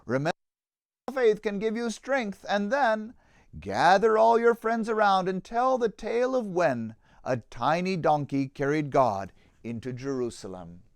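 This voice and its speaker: Reading to children in the manner of a pastor at storytime, a man with a high voice goes a little slowly, giving the storybook a theatrical, rhythmic delivery full of lively intonation. The sound is dry and echo-free.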